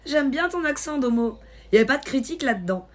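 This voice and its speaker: A woman from Switzerland with a light Swiss French accent, hosting a live stream and chatting casually with viewers in a teasing, quick-witted way. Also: high voice, lively intonation. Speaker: livestream host. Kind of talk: casual live-stream chat reading comments.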